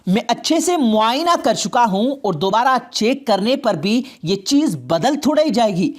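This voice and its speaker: A woman's voice: fairly high pitch, sing-song. A woman voicing a firm, matter-of-fact male doctor in a told story.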